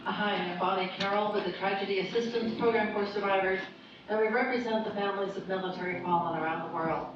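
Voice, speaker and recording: A woman's voice: mid-range voice, fairly even intonation, fast talker. A woman representing a survivor organization, giving a formal welcoming address. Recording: echoey distant muffled hall recording with music.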